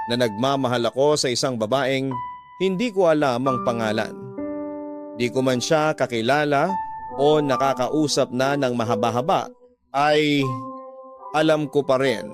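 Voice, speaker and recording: A man reading a listener's love story aloud in an earnest, confessional first-person narration. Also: mid-range voice. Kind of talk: scripted narration. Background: music.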